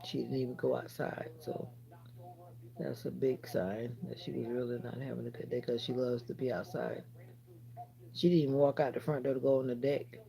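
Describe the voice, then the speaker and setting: A woman's voice: very deep voice, flat delivery, normal speed, vocal fry, mellow. A woman hosting a casual livestream from her phone, chatting straight to viewers and answering their comments with rambling asides. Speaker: livestream host.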